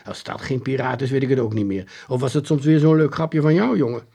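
A man's voice: medium pitch, brisk, creaky, dark tone, husky. A man voicing a fussing mother in a children's story, exclaiming in a raised voice.

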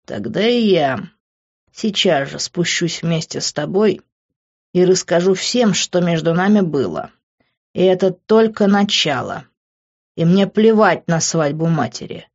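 A brusque young man with a temper, voiced by a woman reading an audiobook. He speaks slowly and low, biting off his words in a rough hiss. The recording sounds dull and lo-fi. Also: lively intonation, darkish tone. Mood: angry, heated.

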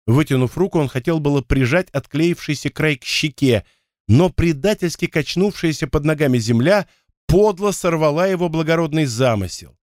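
Lively male audiobook narrator. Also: fairly high pitch, moderate pace, no room sound, studio quality. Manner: lively, expressive reading.

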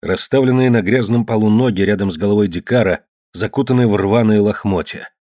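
A man narrating an audiobook in a measured, descriptive way. His voice sits fairly low. It is recorded close and dry, with no room around it. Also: dark tone, no echo. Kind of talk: scripted narration.

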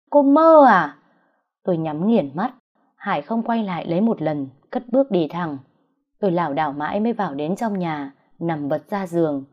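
A woman narrating a dramatic first-person story in a steady, bitter voice, on dull, lo-fi audio. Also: fairly low pitch.

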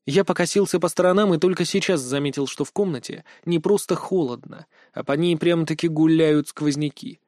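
A man's voice: on the high side, brisk, hardly any pauses, a little mellow, no room sound. A man narrating a fantasy audiobook in the first person, telling it expressively and dramatically, recorded close to the microphone.

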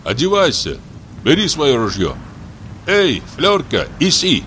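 A man doing a gruff, impatient hunter. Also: medium pitch, big pitch swings, a little slow, fairly bright tone, a little hiss or hum, voice pushed up. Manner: curt, commanding.

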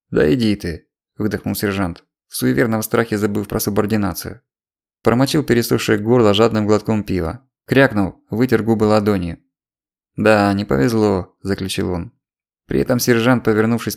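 A man reading a novel aloud as an audiobook narrator, in an even storytelling delivery. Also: fairly low pitch, gravelly.

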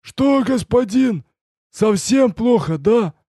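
A frightened young soldier, wounded and close to tears, put on by a male narrator. The voice sits very high and drags slowly, with a dark, mellow tone. Each plea comes out strained and whimpering, in a close, dry sound. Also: expressive, husky, no echo, exaggerated voice. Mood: fearful. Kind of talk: audiobook character voice.

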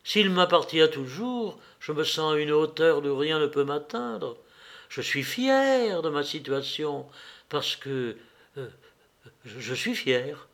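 A man's voice: a little high, lively intonation, takes it slowly, a bit bright, exaggerated voice. A man reading the part of an anguished, proud woman torn by love, his voice trembling and pleading.

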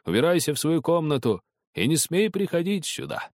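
A strict father with a low, cold and stern voice, as a man puts him on. he delivers his lines firmly in a dry, close sound. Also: animated, fairly quick, dry recording.

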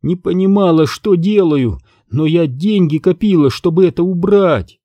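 A frightened teenage girl in an audiobook horror story, pleading in a high, tearful voice, as a man reads her part. The tone is mellow and close, with a dry sound. She swings her pitch widely while she begs. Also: normal speed, no echo, highs cut off.

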